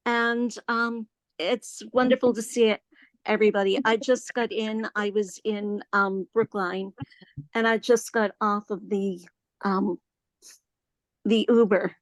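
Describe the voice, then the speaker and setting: A woman's voice: medium pitch, steady tone, a little slow, no echo. A woman introducing herself at a community meeting on a video call, talking in a cheerful, chatty way.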